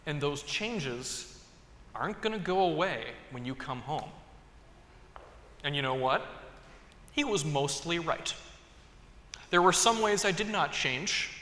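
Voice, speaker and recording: A bright, slightly high-voiced man in his thirties preaches a homily in a large church. He tells stories in a relaxed, conversational way with touches of humor. His voice rings through the hall with a long reverb. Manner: conversational storytelling with light humor. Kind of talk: sermon.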